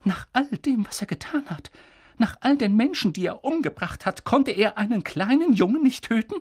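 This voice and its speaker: A man voicing a stern, sharp-tongued elderly female witch professor in an audiobook reading, pushing his voice up high and insistent. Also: expressive, moderate pace, breathy edge. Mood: agitated. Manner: insistent, agitated, high strained voice. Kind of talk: audiobook character voice.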